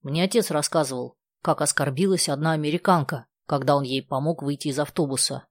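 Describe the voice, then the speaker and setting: A woman reading aloud the lines of a confident, argumentative teenage boy in a calm, even manner. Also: low voice, fairly quick, no room sound. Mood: self-assured. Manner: self-assured, argumentative.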